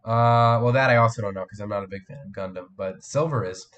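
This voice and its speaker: A man's voice: lowish voice, quick pace, fairly bright tone, slight background noise. Teenage boy with a cold, chatting. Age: teens. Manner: rambling, answers chat, many fillers and restarts. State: has a cold, voice cracks. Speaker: live stream host. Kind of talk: casual live stream chat.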